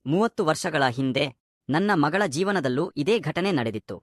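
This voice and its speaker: A man voicing an elderly, kind company chairman with a measured, solemn manner. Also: on the high side, expressive, dry recording, studio quality.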